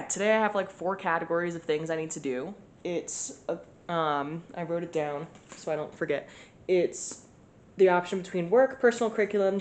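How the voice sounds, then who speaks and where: A young woman chatting casually through her day at home for a vlog, rambling with lots of fillers. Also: fairly low pitch. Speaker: vlogger.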